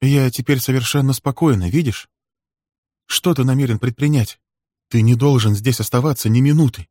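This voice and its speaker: A man voicing an anxious young woman who pleads urgently with her lover, raising his voice higher and louder. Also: normal speed, dry recording, clean studio sound, natural voice.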